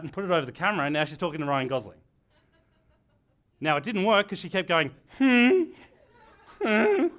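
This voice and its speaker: A man with a slightly high voice teaches a workshop group, his pitch swinging widely as he talks. He sounds energetic and jokes a lot, speaking live to people in the room. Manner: energetic, animated, joking. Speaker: workshop presenter.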